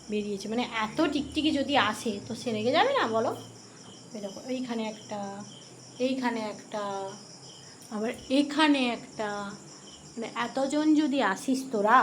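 A woman's voice: on the high side, slight background noise. A woman talking to her pet dog at home, scolding it and coaxing it, and repeating herself often. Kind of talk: casual talk to a dog.

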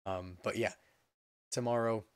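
A young man with a hoarse voice that is giving out from being sick, giving a casual, rambling update as a gaming channel host. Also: lowish voice, steady tone, unhurried, no echo. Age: young adult. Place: indoor room at a computer.

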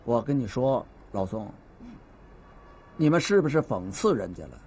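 A husky Beijing beat cop. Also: male voice, mid-range voice, big pitch swings, normal speed, mellow. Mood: stern. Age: 50s. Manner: patient, lecturing mediator who scolds and coaxes. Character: seasoned middle-aged male beat cop, stern yet fatherly. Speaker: neighborhood police officer. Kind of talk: TV drama acting.

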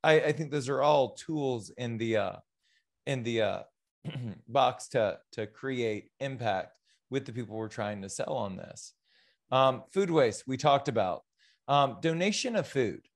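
A man's voice: mid-range voice, expressive, unhurried. Upbeat man hosting over video. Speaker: town hall host. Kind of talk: casual interview. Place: home studio, indoors. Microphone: boom microphone on video call.

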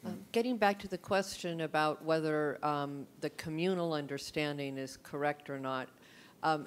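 A woman's voice: deep voice, slight background noise. A woman in the audience asking a question, speaking thoughtfully with many fillers.

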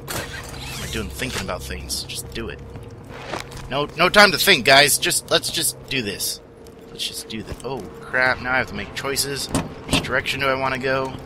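A man's voice: medium pitch, expressive, normal speed, very noisy. Rambling, joking gamer man. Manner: rambling, joking, talking to himself. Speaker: gaming video host. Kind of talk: casual let's-play commentary. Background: game gunfire.

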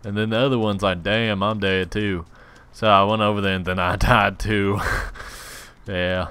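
Low-voiced man rambling over gameplay. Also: level tone, normal speed, a bit bright, smooth. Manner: rambling, joking self-talk; slips into mock hillbilly drawl. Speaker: let's play gamer. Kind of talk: casual gameplay commentary.

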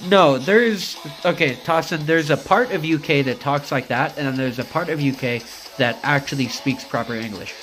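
Man, game streamer, slightly high voice, swears a lot, rambles, music playing behind. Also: moderate pace, fairly bright tone, poor audio. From United States. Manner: rambling, profane, answers chat. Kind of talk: casual live-stream chat while gaming.

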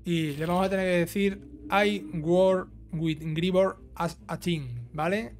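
A video game guide host gives a casual, step-by-step gameplay walkthrough, instructing the listener and checking in as he goes. He speaks slowly in a high voice, with game music in the background.

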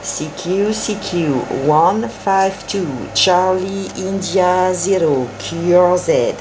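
Slow-paced woman operating ham radio. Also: fairly low pitch, noisy background. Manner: repeats call signs and confirmations. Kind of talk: ham radio contact, phonetic call signs and signal reports. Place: indoors at a desk with radio set.

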